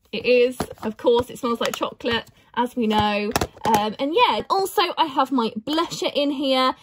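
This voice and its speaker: A woman's voice: on the high side, noisy background. A bubbly young woman with a British accent, chatting enthusiastically through a casual makeup tutorial. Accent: British English. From Britain. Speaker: beauty vlogger.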